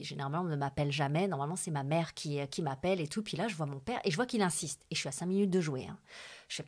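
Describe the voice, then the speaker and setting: Chatty woman with a lowish voice. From France, Hautes-Alpes. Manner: chatty and lively, with many fillers and asides to the host. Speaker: guest telling her life story. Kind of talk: casual emotional storytelling.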